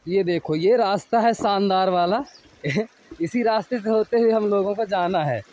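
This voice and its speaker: Slight background noise accompanies this outdoor travel vlog, in which a man in his thirties chats to his audience while hiking through a village and forest. His voice sits high and a little mellow at a moderate pace, captured by a handheld phone at arm's length.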